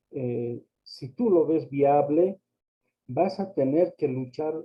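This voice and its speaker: A man lecturing on accounting over a choppy, crackly microphone line, hesitant and full of fillers and tag questions. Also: medium pitch. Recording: dull lo-fi sound, faint music behind.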